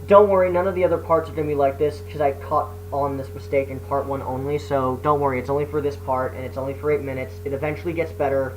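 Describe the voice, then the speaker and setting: A man's voice: medium pitch, fairly even intonation, fast talker, few pauses. Man in casual vlog, noisy humming mic. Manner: hesitant, sweary, self-deprecating. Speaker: video creator. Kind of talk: casual apologetic explanation to viewers. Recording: noisy hum, poor microphone.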